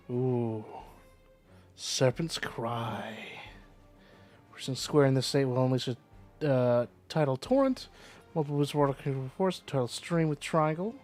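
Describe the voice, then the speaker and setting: A man playing a video game, giving casual commentary and reading out on-screen text as he goes. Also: mid-range voice. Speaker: gamer, let's player. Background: game music.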